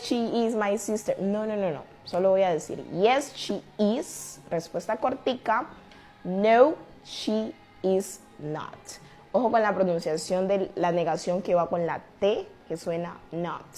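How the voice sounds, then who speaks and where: A woman explaining English grammar to learners, slowing down to spell out each example sentence. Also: mid-range voice, darkish tone. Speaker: English teacher.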